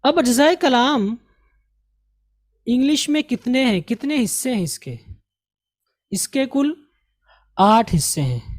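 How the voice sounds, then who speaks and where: Male teacher from India; slow, measured delivery; repeats model sentences for pronunciation practice. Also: very high-pitched, animated. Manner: repeats example sentences slowly and carefully, correcting pronunciation. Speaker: English teacher. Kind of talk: recorded language lesson.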